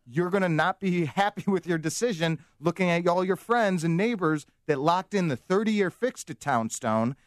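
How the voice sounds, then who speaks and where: Confident mortgage banker, dry sound. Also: male voice, a little high, no echo. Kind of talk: explanatory radio talk.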